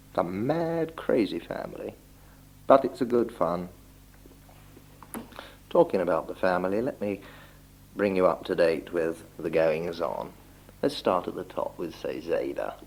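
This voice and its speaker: Sounding like a 1960s home reel-to-reel tape, a young Englishman records a spoken letter to relatives in a deep, gravelly, darkish voice. He's informal yet polite, pausing to choose his words, and the recording is rough.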